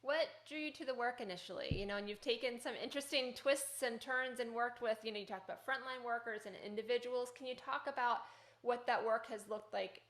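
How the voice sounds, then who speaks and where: A woman's voice: fairly high pitch, brisk, fairly bright tone, reverberant. A woman hosting a podcast, asking questions in an encouraging, engaged way. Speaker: podcast host. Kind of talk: podcast interview.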